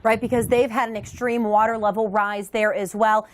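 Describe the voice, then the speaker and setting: A woman's voice: mid-range voice, little pitch movement, moderate pace, slight background noise. A woman anchoring a live broadcast and putting questions to a field reporter. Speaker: news anchor.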